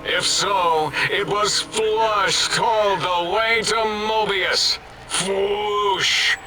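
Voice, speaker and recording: Very slow, ghoulish robot scientist. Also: male voice, high-pitched, steady tone, background noise. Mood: ghoulish relish. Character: gleefully ghoulish male robot-bodied brain scientist. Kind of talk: theatrical video game voice acting. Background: loud music.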